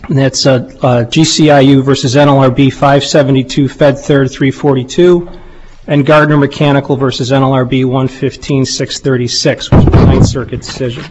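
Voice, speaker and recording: A man making a formal legal argument in a courtroom, speaking deliberately and deferentially as an appellate lawyer. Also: medium pitch, little pitch movement, darkish tone. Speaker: lawyer arguing an appeal. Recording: dull, muffled courtroom recording.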